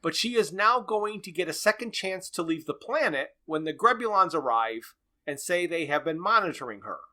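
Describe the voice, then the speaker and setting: A man's voice: fairly high pitch, expressive, moderate pace, bright, forceful tone. A man co-hosting a casual podcast, recapping and picking apart a radio series with frequent chuckles. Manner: analytical, recaps plot at length, chuckles often. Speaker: podcast co-host.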